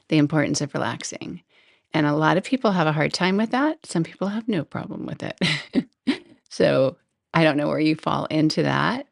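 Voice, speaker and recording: Groggy woman with a low gravelly voice. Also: dry recording, clean studio sound. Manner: loose and unprepared, with laughs and restarts. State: groggy, just woken up. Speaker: podcast host. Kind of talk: casual solo podcast talk.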